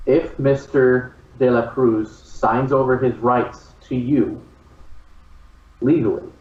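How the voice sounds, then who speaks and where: Roomy slightly dull recording, male tabletop player, measured halting delivery, in-character negotiation. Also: mid-range voice, fairly even intonation, distant mic.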